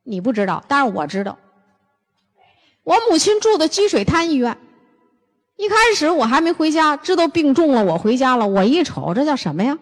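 An older woman gives a lively lecture. She tells stories bluntly and throws rhetorical questions at the audience. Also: sits high, brisk, in a large hall. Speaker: lecturer on health and nutrition.

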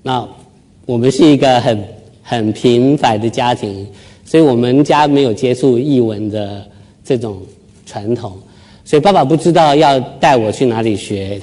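This is a public talk in a lecture hall with a live audience, delivered by a middle-aged Taiwanese man. His voice is mellow and medium in pitch, and his anecdotes about himself carry self-deprecating humor.

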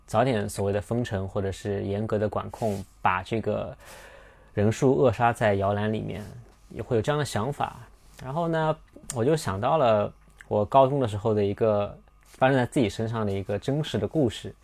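Young male podcast host with a gravelly, low voice, casual and rambling delivery, restarts often. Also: moderate pace, darkish tone. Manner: rambling, many restarts and fillers. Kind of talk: casual storytelling monologue.

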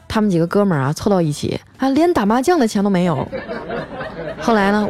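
A woman telling comic everyday stories in a chatty monologue, sprinkled with filler particles. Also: medium pitch. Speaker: comic storyteller.

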